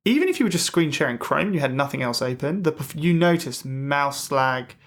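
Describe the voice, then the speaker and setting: A man co-hosting a podcast, talking casually in a chatty, halting way. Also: a little high, lively intonation. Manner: chatty, halting, laughs easily. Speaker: podcast co-host. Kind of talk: casual tech chat.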